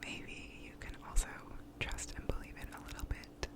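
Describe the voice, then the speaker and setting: A woman gives a whispered ASMR pep talk up close to the mic, reassuring and validating in informal, sometimes sweary wording. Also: normal speed. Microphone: close to the mouth.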